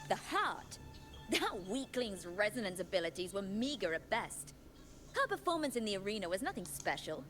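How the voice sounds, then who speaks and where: A woman's voice: mid-range voice, very animated, normal speed, natural voice. An actress playing a haughty, fierce noblewoman warrior in a video game, speaking in an imperious, dramatic manner. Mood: haughty, disdainful. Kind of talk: scripted video game dialogue. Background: game music.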